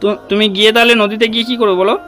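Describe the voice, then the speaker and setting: A man's voice: sits high, flat delivery, rapid-fire, bright, forceful tone, soft background music. Man vlogging with a heavy head cold. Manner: coaxing and playful with a child, addresses viewers as friends. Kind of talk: casual vlog chat.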